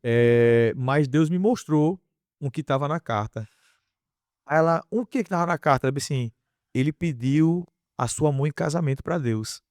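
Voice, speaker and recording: A man giving a casual faith testimony on a podcast, telling his story with lively acted-out dialogue. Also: fairly high pitch, normal speed, no room sound, clean studio sound. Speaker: podcast guest.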